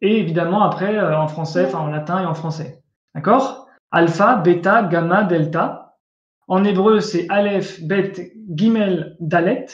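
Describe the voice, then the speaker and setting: Male teacher, unhurried and patient, checking in constantly, over a dull video-call line in an echoey room. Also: sits high. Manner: patient, repetitive, often checks understanding with asides. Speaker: Coptic language teacher. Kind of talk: online language class.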